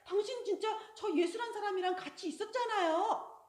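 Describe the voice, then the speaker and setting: A woman's voice: very high voice, brisk, pitched above the performer's own voice. A woman voicing a nosy young servant woman who keeps accusing someone. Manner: prying, accusing, insistent. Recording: roomy echo.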